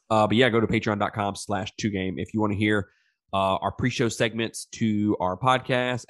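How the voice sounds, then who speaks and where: Male podcast host, blocked-sinus nasal tone like a pinched nose, lowish, dry sound, casual and sweary. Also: creaky, no room sound. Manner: casual, profane, slangy. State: stuffed up with a sinus infection. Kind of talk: casual movie review podcast chat.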